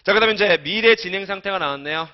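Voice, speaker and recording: A man teaching an English grammar lecture, coaxing students with questions he answers himself and trailing off softly at the ends of phrases. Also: sits high, fast talker. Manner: coaxing, asks and answers his own questions. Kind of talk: recorded online lecture. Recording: dull lo-fi lecture recording.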